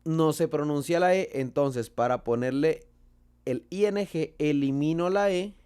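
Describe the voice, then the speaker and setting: Slow-explaining Colombian male teacher. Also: a little high, dark tone, smooth. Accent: Colombian Spanish. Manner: slow and deliberate, asks and answers his own questions. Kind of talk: explaining a lesson.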